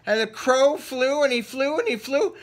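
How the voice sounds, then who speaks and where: A man with an extremely high-pitched voice reads a children's storybook at a moderate pace. He makes it animated, dramatically stretching and repeating words.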